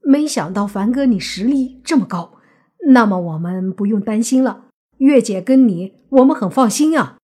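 A woman voicing a flattering young man who talks eagerly and fast, husky-toned. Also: on the high side.

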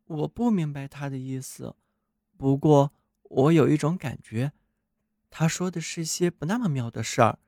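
A man's voice: fairly high pitch, normal speed, dark tone, no room sound, clean studio sound, pitched above the performer's own voice, close to an everyday voice. A man voicing a naive newly built snowman who wonders about the sun and moon. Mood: puzzled. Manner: wondering, boastful then wistful.

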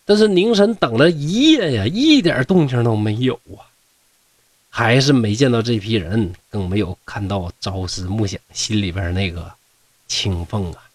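A man's voice: lowish voice, expressive, moderate pace, no room sound. A middle-aged man with a Northeastern Mandarin accent telling a classic tale in a folksy, joking way, with asides to his listeners. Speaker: storyteller. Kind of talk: comic folk-tale storytelling.

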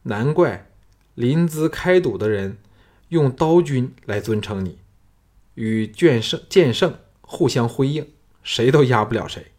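A man's voice: animated, unhurried, darkish tone, natural voice. Man voicing an earnest, cautious old counselor. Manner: earnest, urging, lowered confiding voice.

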